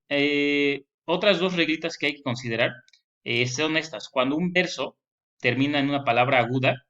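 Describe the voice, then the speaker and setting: A man's voice: medium pitch, pushed and bright. A male teacher giving a recorded lecture, explaining step by step with frequent fillers and restarts. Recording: dull lo-fi recording.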